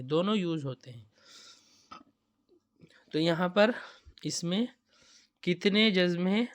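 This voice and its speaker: A man teaching Quran recitation rules in an online lesson, patiently repeating points and checking that students follow. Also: on the high side. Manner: patient, repetitive, checks understanding with tag questions. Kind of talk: online lesson explaining on-screen examples.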